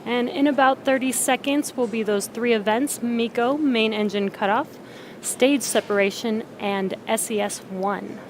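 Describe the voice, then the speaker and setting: Higher-voiced woman hosting a launch webcast. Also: a little slow, a little hiss or hum. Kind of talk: live explanatory launch commentary.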